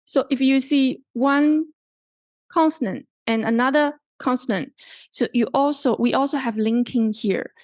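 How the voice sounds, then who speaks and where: A woman with a Hong Kong English accent teaching an English pronunciation workshop, pausing often and filling gaps with "like" and "okay". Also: sits high, no echo. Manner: halting, fills gaps with "like" and "okay".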